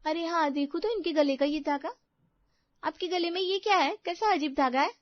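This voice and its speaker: A woman's voice: extremely high pitch, moderate pace, dry recording, highs cut off. A woman voicing Sunita, a young sulky sister-in-law who whines and demands attention, in a cartoon story. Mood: curious. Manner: whiny, demanding. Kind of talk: cartoon voice acting.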